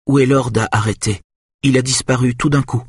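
A man's voice: medium pitch, steady tone, normal speed, husky, no room sound, studio quality. A man voicing a frightened, sad teenage girl with a faint, small voice in an audiobook. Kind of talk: audiobook character voice.

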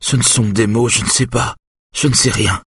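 A man reading aloud, voicing a shaken, guilt-ridden male patient who talks haltingly. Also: medium pitch, steady tone, fairly bright tone, slightly rough, dry recording, pitched above the performer's own voice. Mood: anguished.

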